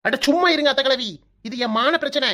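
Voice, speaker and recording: A woman's voice: sits high, fast talker, a bit bright. A woman voicing a cheeky, lazy young daughter-in-law in a comic cartoon, teasing her in-laws in a Kanyakumari Tamil accent. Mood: insulting. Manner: teasing, mocking, brash.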